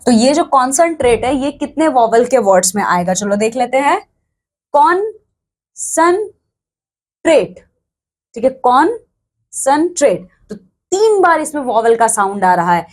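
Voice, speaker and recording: A woman's voice: a little high, big pitch swings, moderate pace. A woman teaching an English textbook lesson to students, explaining step by step, counting aloud and often checking they follow.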